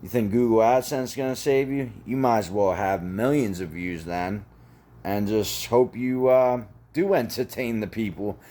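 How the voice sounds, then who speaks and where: Deep, firm-voiced man preaching positivity. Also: normal speed, mellow. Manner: repetitive, emphatic, swears casually. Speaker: motivational vlogger. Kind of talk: casual motivational talk.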